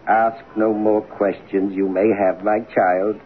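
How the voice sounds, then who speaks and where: An actor playing a stern, mysterious older father in an old radio drama, speaking slowly and solemnly. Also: fairly low pitch, flat delivery. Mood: grave. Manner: slow, solemn, grandly intoning. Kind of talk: 1940s radio acting. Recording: tinny old radio broadcast with hiss.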